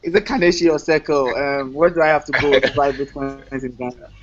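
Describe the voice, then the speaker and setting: A man's voice: fairly high pitch, fairly quick. A man hosting a casual online discussion, upbeat and friendly, often laughing. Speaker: host. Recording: dull lo-fi online call audio.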